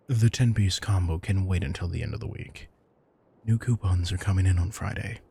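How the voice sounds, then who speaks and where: Teasing and chiding, a man voices an affectionate former supervillain who has become a doting house husband, playing up theatrical, mock-grandiose airs in an intimate audio roleplay. His exaggerated voice sits low, sounding gravelly, husky, and somewhat dark.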